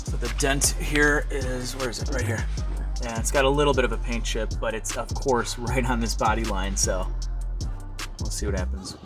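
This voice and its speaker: A man's voice: mid-range voice, fairly even intonation, moderate pace, over music. A man in his thirties, an enthusiastic car vlogger, narrating and chatting in a large detailing shop. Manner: upbeat, enthusiastic. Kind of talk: vlog narration and shop chat.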